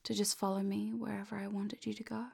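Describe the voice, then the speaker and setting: Woman, hypnosis guide: husky, flat-toned whisper, soft and commanding. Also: mid-range voice, a little fast. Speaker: hypnosis audio creator.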